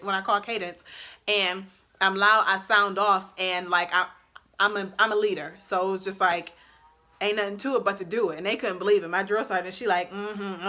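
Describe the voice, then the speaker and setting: A young adult woman who served in the army, chatting expressively and laughing often as she gives casual advice on her vlog. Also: medium pitch. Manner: chatty and expressive, laughs often, loud and bold when excited. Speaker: vlogger and army soldier.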